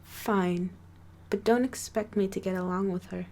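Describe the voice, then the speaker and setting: A quiet, withdrawn young woman who mumbles her words slowly and hesitantly, as a woman reading a story puts her on. She sounds guarded and speaks at an ordinary middle pitch, like an amateur storybook reading. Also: fairly even intonation, natural voice. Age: young adult.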